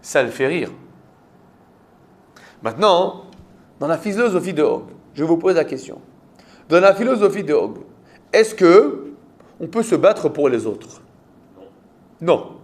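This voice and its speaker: A man's voice: fairly high pitch, sing-song, unhurried, long pauses, a little mellow. A man with a French accent, a rabbi giving a Torah class and quizzing his students with rhetorical questions.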